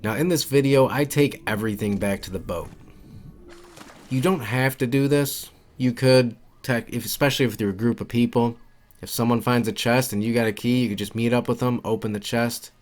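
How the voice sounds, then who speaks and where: A man with a medium-pitched voice and moderate pace narrates a casual, instructional video game walkthrough. As a game guide creator, he keeps things informal and repeats his key points.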